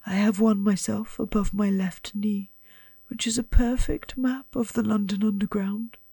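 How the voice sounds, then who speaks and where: A woman voicing a calm, gentle old male wizard in whispered role-play, soft and lightly whimsical. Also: mid-range voice, unhurried, gravelly, husky, no room sound, studio quality.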